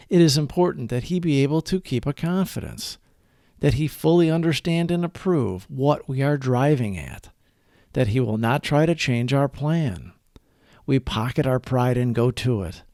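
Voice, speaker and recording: His delivery is earnest and deliberate, each phrase measured out, as this man reads a scripted reflection for a daily recovery program. His slightly high voice moves through very lively intonation, and the sound is close and dry.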